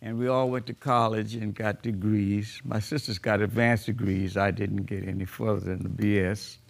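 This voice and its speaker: In an oral history interview, a Bahamas-born man in his eighties recounts his life slowly and thoughtfully. His voice is fairly low and creaky, with little movement in pitch.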